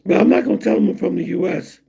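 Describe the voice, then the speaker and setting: A middle-aged livestream host from the U.S. chats loosely and fast to his viewers, cracking himself up along the way. His voice sits high and sounds warm, creaky, and husky.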